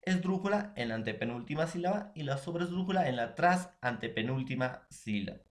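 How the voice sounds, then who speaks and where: A man from Peru gives a classroom explanation, his voice sitting a little higher than most men's. He goes through the material step by step and keeps checking that his listeners are following. The delivery is plain and patient. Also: lively intonation, a little fast.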